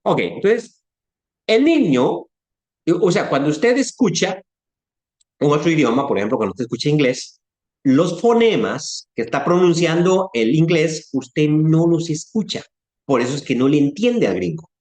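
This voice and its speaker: A man's fairly high, slightly mellow voice swings widely in pitch at a measured pace, in a room with a roomy sound. Speaking with a Latin American Spanish accent, he teaches an informal Bible class conversationally, asking his audience questions and acting out speech sounds.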